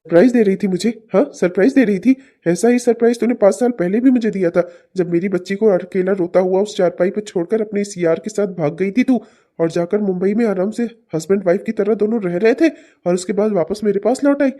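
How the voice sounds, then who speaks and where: A man's voice: sits high, brisk, dark tone, lightly acted. A man voicing an angry, protective village father in a cartoon who scolds furiously. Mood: furious, accusing. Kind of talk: cartoon voice acting.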